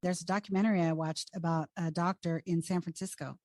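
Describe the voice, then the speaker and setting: A woman's voice: lowish voice, fairly even intonation, quick pace, a little mellow, no echo, clean studio sound. An American woman in casual conversation, sharing stories and asking questions as a co-host.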